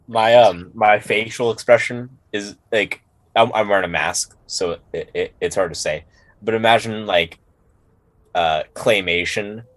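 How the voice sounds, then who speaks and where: A man's voice: lowish voice, measured pace, no room sound, low-quality recording. A man playing a tabletop game, rambling and cheeky, swearing freely. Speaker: player. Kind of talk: casual tabletop role-play.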